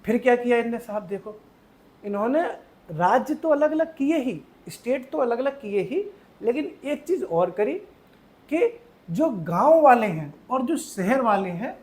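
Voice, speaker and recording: In a very high-pitched, sing-song voice at a measured pace, a man gives an online exam-prep lecture. He tells it playfully like a story, leans on memory aids, keeps confirming the class is with him, and swings between loud emphasis and hushed asides.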